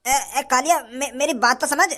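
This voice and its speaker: A scheming male village election candidate from a cartoon, persuasive one moment and stammering the next, voiced by a woman. The voice is very high. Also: moderate pace, bright, forceful tone. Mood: nervous. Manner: stammering when cornered, persuasive with crowds. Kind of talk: cartoon voice acting.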